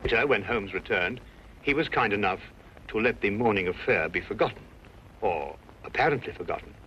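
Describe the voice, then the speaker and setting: A man's voice: fairly low pitch, lively intonation, fairly quick, a little hiss or hum, lightly acted. An actor playing an earnest, loyal male doctor companion, stammering and hesitant in scenes and narrating in voice-over. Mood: reflective. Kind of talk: TV drama acting with voice-over narration. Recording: dull lo-fi TV soundtrack.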